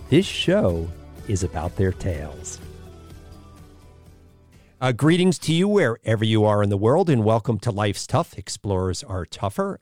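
A man hosting a podcast, reading a scripted introduction and then asking a guest questions in an earnest, measured way. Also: lowish voice, darkish tone. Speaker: podcast host.

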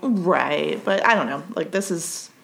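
Lively low-pitched woman podcast co-host. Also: unhurried, vocal fry, slight background noise. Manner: animated, laughs often, says "like" a lot. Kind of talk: casual TV episode recap chat.

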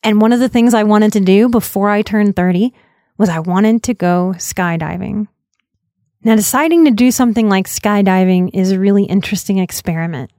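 A woman's voice: mid-range voice, dark tone, dry recording. Earnest woman podcast host, dry sound. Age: 30s. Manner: earnest, slows down for emphasis. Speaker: podcast host and life coach. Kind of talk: reflective personal storytelling.

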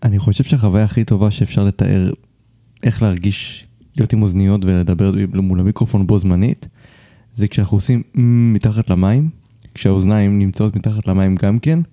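A man hosting a podcast, reading a scripted intro in a measured, explanatory way and chatting casually with his guest. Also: on the low side, fairly even intonation, warm tone, dry recording, studio quality. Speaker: podcast host.

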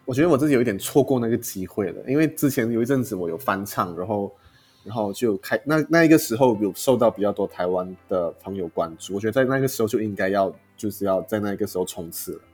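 A man chats casually as a guest. He talks quickly in a husky, slightly rough voice, with faint music underneath. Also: on the low side, expressive, darkish tone. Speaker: podcast guest. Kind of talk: casual chat.

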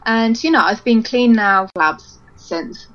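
A woman's voice: fairly high pitch, slow, fairly bright tone. A woman speaking as a guest over a phone line that fades in and out, chatty and frank, laughing easily. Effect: dull phone line that fades in and out. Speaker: musician guest. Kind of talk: phone interview. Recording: muffled phone call.

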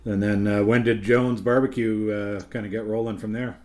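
A podcast host with a low voice asks a guest easy, casual questions. He keeps the talk moving with short, encouraging replies. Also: level tone, normal speed, a little mellow. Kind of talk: casual interview.

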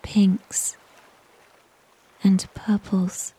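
Very slow, breathy whispering woman. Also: mid-range voice, flat delivery, warm tone, dry recording, poor audio. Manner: unhurried, soothing, with long pauses between short phrases. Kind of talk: whispered relaxation story narration, slow guided-imagery nature storytelling.

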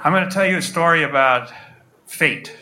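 A man's voice: a little high, normal speed, roomy sound, over loud music. A man in his sixties from the United States, telling a personal story live on stage to an audience, chatty and playful with asides to the crowd, heard on a poor-quality live recording. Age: 60s.

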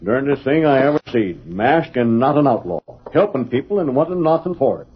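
An actor playing a gruff, stubborn old prospector, a wary mountain man with folksy speech, in an old-time radio western. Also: mid-range voice, big pitch swings, fairly quick. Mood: wary, warming. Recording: dull vintage radio recording.

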